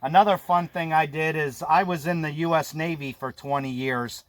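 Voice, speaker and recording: Here a chatty American amateur radio operator in his fifties holds a casual ham radio conversation outdoors on a mountain trail, warm and folksy throughout. His voice is on the high side, steady in tone and at normal speed, on a dry recording.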